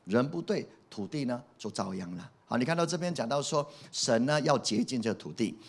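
Male pastor with a husky voice, mid-pitched, emphatic, sermon delivery peppered with rhetorical questions. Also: animated, brisk.

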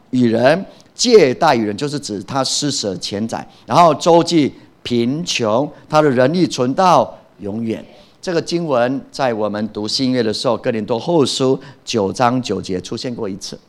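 A man's voice: mid-range voice, expressive, normal speed. A man preaching a sermon as pastor, emphatic, often asking the congregation a question and answering it himself.

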